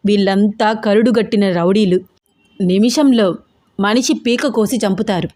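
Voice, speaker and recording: A woman's voice: mid-range voice, a little mellow, no echo, clean studio sound, close to an everyday voice. A woman voicing a menacing middle-aged male gang boss who sneers and gives orders in a storybook reading. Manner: sneering, commanding, slow and taunting.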